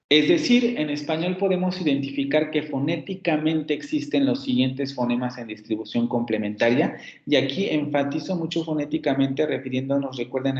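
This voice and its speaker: Man, Mexican Spanish accent, university lecturer, deliberate and repetitive, roomy lo-fi class recording. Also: medium pitch, a little mellow. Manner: slow, deliberate, often rephrases and checks "¿sí?" with students. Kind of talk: explanatory online class lecture.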